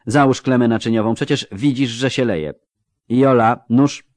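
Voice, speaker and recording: A man's voice: medium pitch, normal speed, darkish tone, dry recording, pitched above the performer's own voice, lightly acted. A man voicing a sardonic halfling surgeon. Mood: brisk, sardonic. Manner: dry, mocking, clinical. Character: sardonic halfling field surgeon, male, unflappable.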